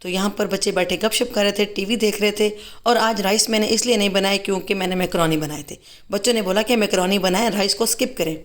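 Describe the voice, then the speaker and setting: A woman's voice: medium pitch, fast. A middle-aged Pakistani woman with a Pakistani accent narrating a casual home vlog, chatty and teasing her family. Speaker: vlogger. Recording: busy home with crowd chatter.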